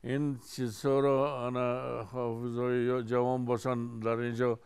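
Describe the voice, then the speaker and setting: A Tajik-accented man in his seventies, a singer from Tajikistan, telling stories in an unhurried way with frequent restarts during an interview. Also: mid-range voice, level tone, darkish tone, clean tone. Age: 70s.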